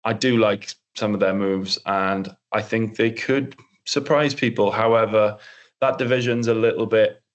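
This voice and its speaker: Low-voiced man talking football casually. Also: fairly even intonation, measured pace. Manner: rambling, filler-heavy, many restarts. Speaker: co-host. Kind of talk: casual sports podcast chat.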